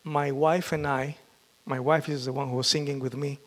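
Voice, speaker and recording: Pastor, halting delivery. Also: male voice, medium pitch, little pitch movement. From Peru. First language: Spanish. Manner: halting, with frequent fillers and restarts. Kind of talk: testimony sermon.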